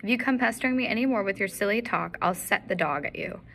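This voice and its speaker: A woman voicing an angry male market salesman in a story reading, shouting and blustering. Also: medium pitch, fast talker, gravelly, rough recording. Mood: furious.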